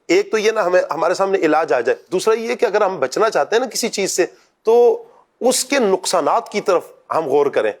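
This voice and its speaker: A man speaking as a religious scholar in a discussion, preaching and asking and answering his own questions. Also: sits high.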